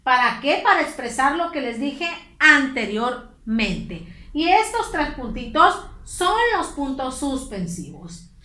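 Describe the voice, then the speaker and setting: A woman with a Mexican Spanish accent teaches a class, explaining each point patiently and clearly. Her voice sits high and moves lively up and down. It rings in an echoey room. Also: takes it slowly. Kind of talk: online class lesson.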